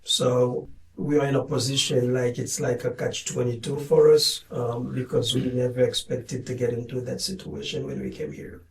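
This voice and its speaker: Man, roomy and distant. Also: mid-range voice. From Haiti. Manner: measured, plain, with some hesitations. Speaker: guest, community director. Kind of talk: interview answers. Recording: roomy sound from a distance with faint music.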